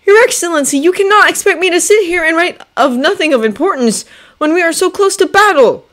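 A woman's voice: lively intonation, a little fast, a bit bright. A woman voicing a brash, proud young male officer who pleads urgently. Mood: pleading. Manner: raised pitch, urgent and pleading.

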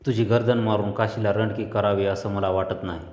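A bold, commanding rebel chief, as a man reads him out in a low, dark voice. The sound is dull and lo-fi, with a long hall reverb. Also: little pitch movement, brisk, lightly acted.

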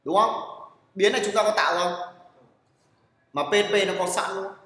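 A man's voice: high voice, fairly even intonation, normal speed, fairly bright tone. A man teaching a programming class, blunt and teasing, who keeps checking with his students and calls on them to answer. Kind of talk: classroom lecture. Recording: echoey room with long reverb.

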